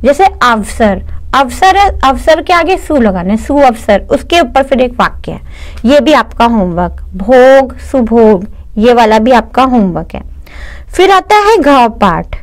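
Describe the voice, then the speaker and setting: A young woman with a high voice gives a lesson to children. She explains step by step, asking questions and then answering them herself, and slips English words into her speech. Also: big pitch swings, unhurried. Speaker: teacher. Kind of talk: online class lesson for children.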